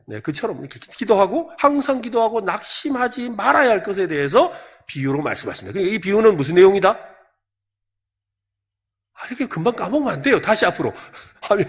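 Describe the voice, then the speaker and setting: A man's voice: a little high, very animated, brisk. A man with a Gyeongsang Korean accent preaching a sermon as senior pastor at a church service, quizzing the congregation with repeated questions.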